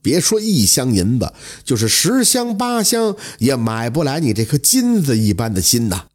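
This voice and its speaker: A man's voice: medium pitch, wildly swooping pitch, moderate pace. A man doing a shrewd, hearty old merchant. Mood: warm. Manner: hearty, scolding. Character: shrewd older male merchant, stern but warm.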